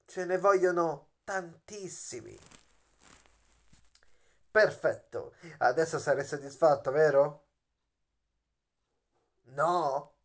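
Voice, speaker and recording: A young adult video host, voice fairly high and bright, spins a dramatic, kid-friendly explanation to camera with drawn-out words and questions. The clip is filmed on a phone at arm's length while he lies on a bed in a small bedroom.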